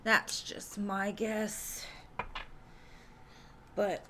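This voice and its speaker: Female tarot streamer, relaxed and chatty, mid pitch, light background hum. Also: drawn-out words. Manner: chatty, says "like" and "um" often, calls viewers "love". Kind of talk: casual live-stream tarot reading.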